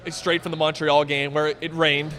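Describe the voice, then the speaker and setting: A man's voice: on the high side, level tone, moderate pace, pushed and bright. A man who works in communications for a soccer club, chatting casually as a guest and rambling with many restarts. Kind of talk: casual sports chat.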